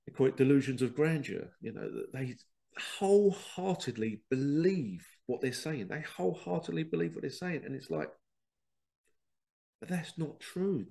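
A gravelly, dark, fairly high voice belongs to a man who has a head cold and sounds congested. He hosts a podcast, meandering through casual spiritual talk and often performing quoted exchanges.

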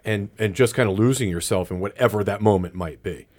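A man co-hosting a podcast, giving relaxed, reflective comments with small restarts. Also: lowish voice, a little fast. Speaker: podcast host. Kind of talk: casual chat.

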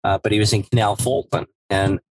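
A man co-hosting a business podcast, telling a story and acting out the dialogue with lively energy. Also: on the low side, brisk, slight background noise, low-quality recording. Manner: animated storyteller who acts out dialogue. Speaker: podcast co-host, former evaluator. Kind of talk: casual storytelling chat.

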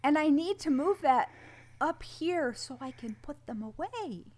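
A woman co-hosting a podcast, chatting casually at home with wry, deadpan humor. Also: high-pitched, unhurried. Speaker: podcast co-host. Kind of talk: casual chat.

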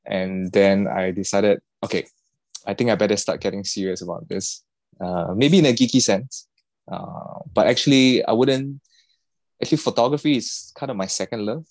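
A man answering podcast questions in a relaxed, halting way. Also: on the low side, no room sound. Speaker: podcast guest, watch collector. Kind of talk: casual interview answers.

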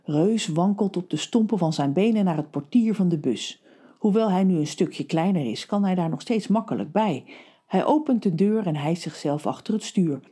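Woman, storybook narration, steady expressive reading, low voice, warm tone. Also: normal speed, slightly rough.

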